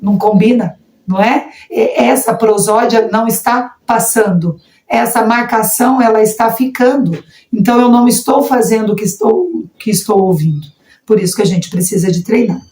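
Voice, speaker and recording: A woman with a Brazilian Portuguese accent leads a church training lesson for sign language interpreters. Her voice sits fairly high and she acts out intonation as she teaches. The room around her is echoey. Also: moderate pace. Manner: expressive, demonstrates intonation while teaching.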